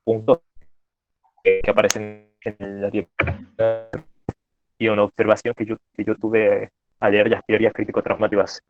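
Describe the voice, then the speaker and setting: A male student speaking up in an online class over a choppy connection that cuts out, hesitant and halting with many fillers and restarts. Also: lowish voice, little pitch movement, over music. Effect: choppy online call connection, cutting out. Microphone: video call. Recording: tinny, dry call audio.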